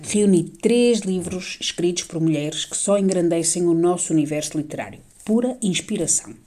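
A woman presents a scripted book segment for radio. Her voice sits fairly low and has a soft, dark, mellow tone. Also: normal speed. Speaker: radio presenter recommending books. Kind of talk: scripted literary review.

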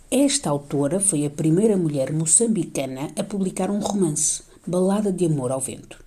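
A woman's voice: on the low side, dark tone. A woman radio presenter delivers a scripted literary review, recommending books to listeners.

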